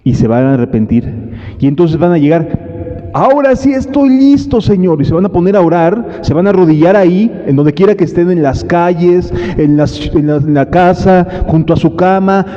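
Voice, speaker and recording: A man preaching a sermon, impassioned, moving between solemn low warnings and urgent raised passages. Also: brisk, dark tone. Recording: dull recording in a long-reverb hall.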